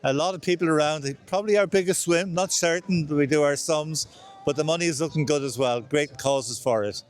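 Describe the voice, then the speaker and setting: Higher-voiced man in clipped phrases. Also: brisk. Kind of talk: casual on-location interview.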